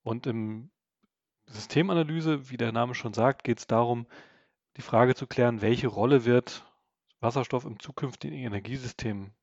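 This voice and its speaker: A man's voice: mid-range voice, moderate pace, creaky, no echo, lo-fi sound. A man, a guest researcher, explaining his projects in a podcast interview, with many hesitations and fillers.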